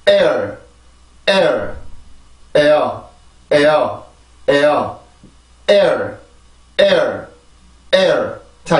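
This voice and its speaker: Man teaching pronunciation in an echoey room. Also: a little high. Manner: patient, repeats words in drills, asks "그죠?". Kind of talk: explaining lesson with drills. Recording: echoey room, mic at a distance.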